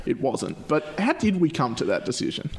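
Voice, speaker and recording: A man's voice: on the high side, huge pitch swings, normal speed. A man in his late twenties hosts a casual, chatty podcast in a jokey, self-deprecating way, recorded in a big living room that sounds like a cave. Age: late 20s. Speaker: podcast host. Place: large living room, indoors.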